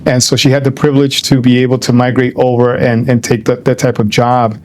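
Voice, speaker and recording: An older Ecuadorian man, a guest, answers an interviewer's questions reflectively and without hurry. His level, slightly mellow voice sits in the middle of the male range, and he pauses with many "um"s and "you know"s, restarts phrases, and mixes Spanish words into his English.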